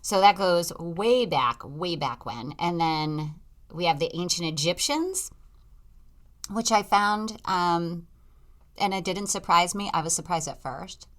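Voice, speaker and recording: A woman's voice: fairly low pitch, animated, takes it slowly. A woman with a Boston accent co-hosting a podcast, chatting casually, laughing often and stumbling over words. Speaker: podcast co-host. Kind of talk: casual chat.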